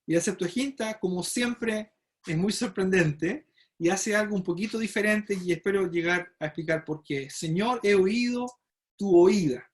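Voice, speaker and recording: A man's voice: sits high, normal speed. A man teaching a Bible study lecture, explaining step by step and often checking in with his listeners. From Chile. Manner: explanatory, frequent "¿verdad?" tag questions and fillers.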